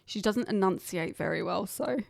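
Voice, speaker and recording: A woman's voice: medium pitch, moderate pace, vocal fry, no room sound, clean studio sound. A young Englishwoman hosting her own podcast, chatting and rambling casually on her own. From England. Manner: rambling, chatty, self-deprecating. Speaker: podcast host. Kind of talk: casual solo chat. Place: hot humid region, indoors.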